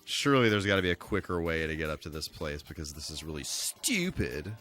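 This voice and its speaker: With a rumbling low, somewhat bright voice, a man streams a game live and talks a little fast in a sing-song way. He banters with viewers, throwing in playful exclamations and sing-song asides, and music runs in the background.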